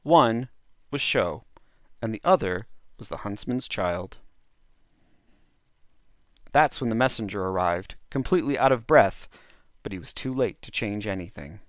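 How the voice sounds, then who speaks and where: A man's voice: fairly low pitch, expressive, measured pace, long pauses, dry recording, studio quality. A man narrating a dubbed storybook play as host, with playful, chuckling asides.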